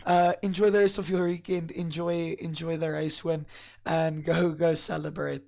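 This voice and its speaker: A man with a fairly high, wheezy and strained voice works as a live esports commentator. He interviews drivers after the race, feeling his way through questions with many halting pauses. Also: flat delivery, vocal fry, darkish tone.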